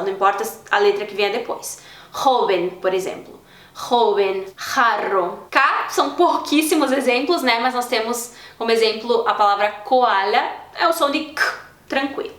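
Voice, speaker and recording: A Brazilian woman giving an online Spanish lesson, explaining calmly and repeating example words slowly and clearly. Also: on the high side, reverberant. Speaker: Spanish teacher.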